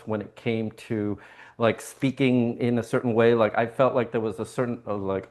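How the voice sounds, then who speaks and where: A man who directed the film talks on a podcast, reflective and thoughtful, pausing to restart now and then. His voice has an ordinary middle pitch. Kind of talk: interview chat.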